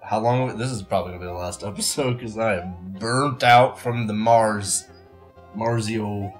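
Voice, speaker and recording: A man's voice: lowish voice, moderate pace, faint music behind. A man with a congested voice, hosting and rambling through casual gameplay commentary as he coaches a player. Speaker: host.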